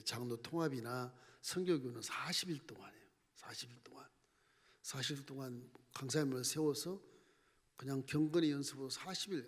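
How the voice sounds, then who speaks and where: A middle-aged male pastor preaching a Sunday sermon, swinging between loud emphatic lines and low, near-whispered asides. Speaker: senior pastor. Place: church sanctuary. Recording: church hall with long reverb.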